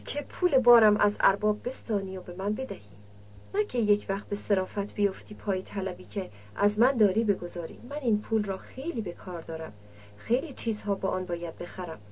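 A woman's voice: mid-range voice, slight background noise, natural voice. A woman reading the lines of a blunt, guarded young male nomad camel driver in an audiobook. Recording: dull lo-fi recording.

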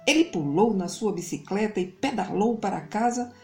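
A Brazilian woman speaking as a kids show host, telling stories to small children in an animated, sing-song way. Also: medium pitch, normal speed, soft background music.

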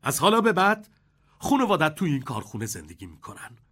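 A man's voice: a little high, wildly swooping pitch, fairly bright tone, exaggerated voice. A man voicing an eccentric, kindly old chocolate maker in an audiobook, with a theatrical, chuckling delivery.

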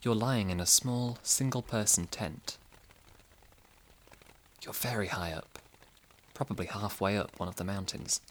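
Male sleep-story narrator, deep low register, slow soothing delivery. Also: low-quality recording.

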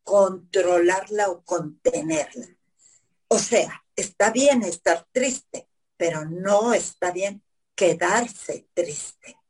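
A woman psychotherapist, explaining calmly step by step in an interview, often asking herself questions. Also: medium pitch, drawn-out words, slightly rough, low-quality recording. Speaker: psychotherapist guest.

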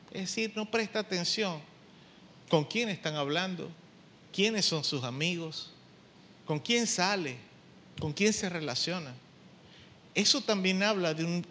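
A middle-aged pastor delivers a sermon in a high, bright voice. He is emphatic and blunt, dropping wry jokes as he goes. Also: slight background noise. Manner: emphatic, blunt, joking asides.

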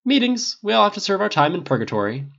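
A man's voice: high voice, sing-song, fast, vocal fry, fairly bright tone, voice pushed up, full character voice. A man voicing a cocky, impatient male billionaire who talks in a sarcastic, clipped way, on a dull lo-fi recording. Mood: snarky, irritated.

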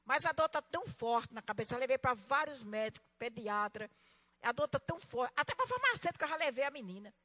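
A woman voicing a worried working mother, a manicurist, who pleads in a hurried way. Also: sits high, very animated, bright, forceful tone, long reverb tail, exaggerated voice.

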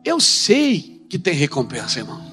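A man preaching a sermon into a handheld microphone in a church service, swinging from soft to shouting. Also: a little high, huge pitch swings, moderate pace, faint music behind.

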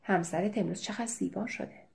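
A woman reading aloud voices a cheeky, tipsy young male villager who talks loudly in a teasing, colloquial way. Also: mid-range voice, creaky. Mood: admiring.

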